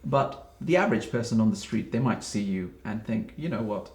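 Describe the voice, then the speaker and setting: Brief: male interviewer, lowish voice, direct questions, roomy echo. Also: lively intonation, moderate pace, a little mellow. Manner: direct, probing.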